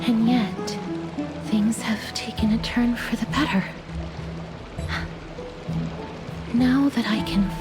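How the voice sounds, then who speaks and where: In English video game voice acting, a woman plays a gentle, melancholy young woman who is resigned to fate and touched by death, across dramatic monologue and dialogue. Her slightly high voice is soft and breathy, her phrasing measured, solemn, and formal, and she sounds quietly resolute. Game music plays behind her.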